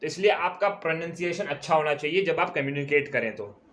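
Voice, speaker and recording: A man teaching a commerce lecture at a board, explaining terms step by step and stretching key words out slowly. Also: a little high, lively intonation, fairly bright tone, a little hiss or hum. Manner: repeats key terms slowly, checks in with "ठीक है". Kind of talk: classroom lecture.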